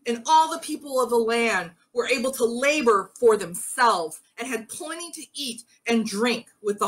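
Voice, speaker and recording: Brief: woman storyteller for a ritual, unhurried, earnest, rather high voice. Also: pushed and bright, rough recording. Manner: slow, earnest, rallying.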